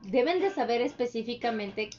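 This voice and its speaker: A woman's voice: a little high, expressive, dark tone, highs cut off, soft background music. A woman chatting casually as a podcast co-host, acting out neighbors in little voices. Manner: chatty, acts out neighbors' lines in quick voices. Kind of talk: casual chat.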